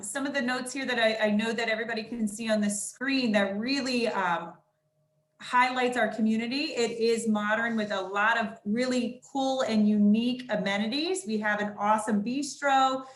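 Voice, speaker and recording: A woman's voice: a little high, normal speed. A woman speaking through a face mask, giving a welcoming presentation as a sales and marketing director on a video call. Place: indoors at a senior living community, on a video call. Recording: roomy echo.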